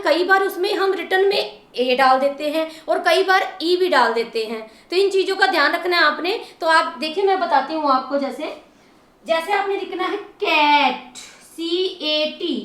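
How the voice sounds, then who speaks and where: A woman teaching English phonics, stretching sounds slowly and spelling words letter by letter. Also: very high-pitched, a bit bright, echoey room. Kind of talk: phonics lesson.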